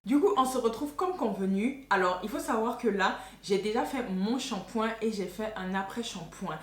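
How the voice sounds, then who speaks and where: A woman's voice: medium pitch, moderate pace, music in the background. A woman beauty vlogger talking casually about her hair-care routine and explaining products to the camera. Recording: echoey room.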